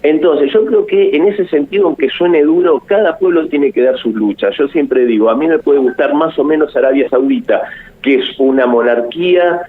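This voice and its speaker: A man's voice: fairly high pitch, moderate pace, a little hiss or hum. A man with a Rioplatense Argentine accent, a radio guest giving opinionated commentary, thinking aloud with many hesitations, heard over an AM radio phone line. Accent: Rioplatense Argentine Spanish. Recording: tinny narrowband phone line.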